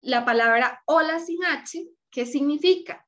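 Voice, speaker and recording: A woman's voice: high-pitched, unhurried, a bit bright. A woman teacher explaining a lesson patiently, often checking in with her students. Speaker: Spanish teacher. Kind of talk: recorded class lecture.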